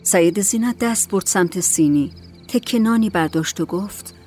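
A woman narrating a story in a calm, measured audiobook reading. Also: medium pitch, faint music behind.

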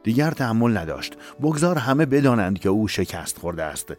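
A man reading a dramatic novel aloud in a measured, emotive storytelling voice. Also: fairly low pitch, sing-song, faint music behind. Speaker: narrator. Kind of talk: dramatic audiobook narration.

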